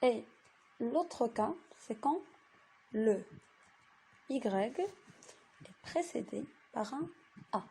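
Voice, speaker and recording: Slow, patient woman teaching reading. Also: fairly high pitch, expressive, gravelly, warm tone, breathy edge. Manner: slow, patient, repeats each word. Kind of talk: reading lesson for young children.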